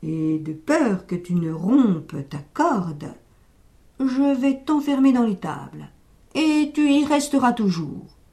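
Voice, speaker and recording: A woman reading aloud puts on an anxious old farmer who frets over his goats and raises his voice in alarm. The delivery is slow and mellow, with a slightly high pitch. It is a storybook reading. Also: very animated, heavily acted. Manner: pleading, exclaiming loudly. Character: worried kindly old male goat farmer.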